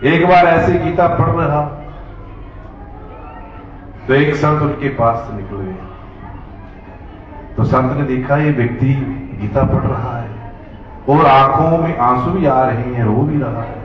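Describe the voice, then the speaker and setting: A man giving a slow, earnest devotional sermon, telling a story with lots of repetition. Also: a little hiss or hum. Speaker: spiritual teacher. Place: large hall at a religious gathering. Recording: echoey hall, distant mic, dull low-fi sound.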